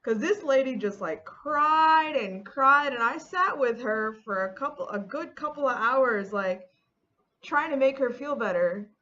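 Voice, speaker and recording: A woman's voice: sits high, animated, measured pace, sharp tone. Chatty woman in her thirties, lo-fi. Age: 30s. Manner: chatty storytelling, lots of "like" and retold dialogue. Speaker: beauty vlogger. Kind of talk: casual get-ready-with-me chat.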